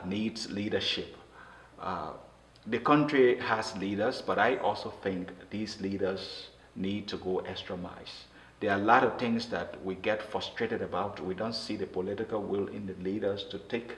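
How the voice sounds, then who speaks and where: A man from Liberia, speaking earnestly in an interview and often halting and restarting his words. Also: on the low side, a bit bright. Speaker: interview guest. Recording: roomy echo with faint noise.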